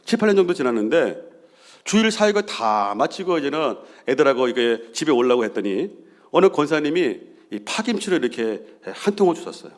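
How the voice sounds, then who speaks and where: A man in his fifties, a senior pastor, telling stories in a Sunday sermon and acting out the quoted lines. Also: mid-range voice. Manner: animated, acts out quoted bickering and voices.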